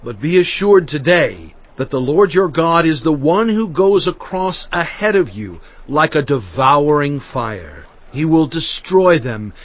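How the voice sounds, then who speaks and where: A man's voice: on the high side, sing-song, unhurried, few pauses. An actor playing Moses, a solemn male prophet exhorting his people in emphatic oratory, in a dramatized scripture reading. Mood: stern, forceful. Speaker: dramatized audiobook reader. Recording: dull audio with faint music bed. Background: faint background music.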